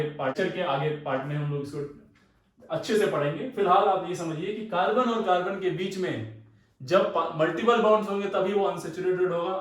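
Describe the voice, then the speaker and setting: A man with a rather high voice teaching chemistry, his words echoing loudly in the room. He mixes Hindi and English and fondly calls students "beta". He asks a question and then answers it himself, and he speaks from some distance from the mic. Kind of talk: classroom lecture.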